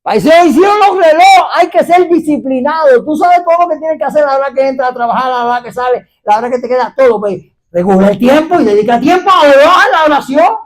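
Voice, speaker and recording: A man's voice: extremely high pitch, fast, few pauses. A male pastor preaching a fiery sermon at a church gathering, questioning the crowd and calling out hallelujah. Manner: animated, exclaiming hallelujah, questioning the congregation.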